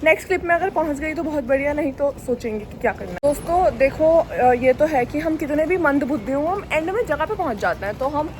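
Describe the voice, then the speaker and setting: A woman's voice: high-pitched, lively intonation, brisk, few pauses. A young woman from India chatting and joking as she vlogs her day out on city streets, filming on a handheld phone. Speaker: vlogger. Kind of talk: casual vlog chat. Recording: faint street noise outdoors.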